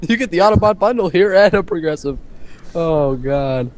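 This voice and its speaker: Brief: young man, giggly and excitable, slightly high voice. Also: normal speed. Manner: excitable, laughs a lot. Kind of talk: casual gaming chat. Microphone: voice call.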